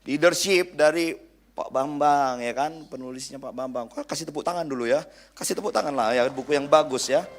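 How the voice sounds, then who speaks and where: A man's voice: a little high, a little fast. A young man with a Medan Indonesian accent preaching a humorous youth sermon in a church hall, joking with the crowd and mimicking people.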